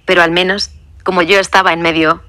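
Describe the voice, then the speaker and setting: A woman narrating a first-person audiobook, reading even the punctuation aloud. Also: lowish voice, brisk, no room sound.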